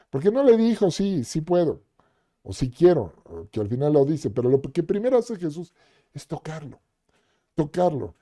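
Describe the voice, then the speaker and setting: A man with a fairly high, warm voice preaches a sermon conversationally. He uses fillers and often checks in with the listener through repeated questions.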